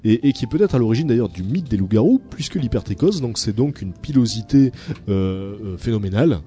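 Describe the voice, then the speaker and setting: Man, radio host, lively storyteller, mellow voice, hesitant fillers, faint music behind. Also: lowish voice, fairly quick. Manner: storytelling, many fillers, animated. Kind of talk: radio chat show.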